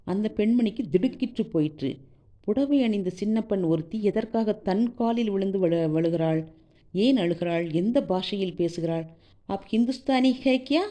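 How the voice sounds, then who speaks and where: A woman reading a serialized novel aloud in steady, expressive narration. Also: mid-range voice, moderate pace. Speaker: storyteller.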